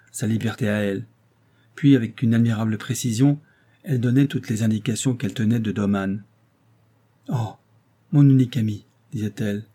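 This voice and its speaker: A male audiobook narrator reads a classic novel in a measured, dramatic style. His voice is low and dark, with a husky grain. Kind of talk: scripted narration.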